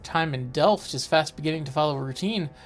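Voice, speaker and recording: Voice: medium pitch, a little fast, faint music behind. A co-host reading aloud the narration of a horror game and breaking off for joking asides.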